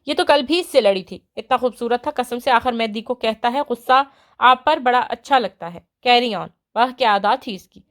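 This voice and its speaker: Woman doing a hot-headed young girl in a storybook reading, blunt and quick to snap, a bit high-voiced. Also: a bit bright, close to an everyday voice. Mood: indignant. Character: hot-tempered young heroine, blunt and impulsive.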